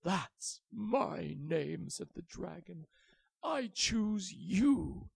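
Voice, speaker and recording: A man's voice: sits high, extremely slow, vocal fry, husky, dry recording, voice pushed up, heavily acted. A man voicing an eager, hopeful young male dragon in a spoken story. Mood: joyful. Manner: earnest, gets excited.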